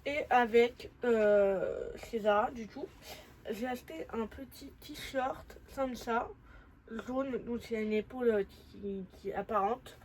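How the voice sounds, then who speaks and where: Young female vlogger, mellow and slightly high voice, rambling casual delivery with lots of fillers. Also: takes it slowly, slight background noise, low-quality recording. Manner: chatty, many fillers and self-corrections. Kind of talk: casual travel vlog chat.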